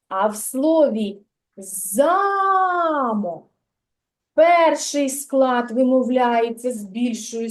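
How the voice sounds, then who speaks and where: Woman, kindergarten teacher; slow, patient, sing-song delivery for a classroom of small children. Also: a little high, darkish tone. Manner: slow, drawn-out, sing-song repetition of words; patient, questioning and correcting children. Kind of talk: literacy lesson for young children.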